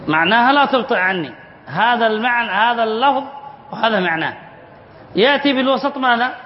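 A man's voice: very high-pitched, animated, quick pace. A man, a sheikh, teaching Arabic spelling rules in a class, reading a text and explaining it, asking questions and answering them himself. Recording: muffled roomy lecture recording with faint hiss.

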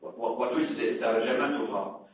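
A man's voice: medium pitch, moderate pace. A man teaching a seminary lecture on religious law, questioning his students and repeating words for emphasis. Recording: distant, echoey, phone-like.

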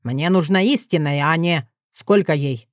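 Dragon lord, adult man voiced by a woman, haughty, sardonic drawl, lowered voice, dry audiobook sound. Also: measured pace, dry recording. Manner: ironic, sneering drawl.

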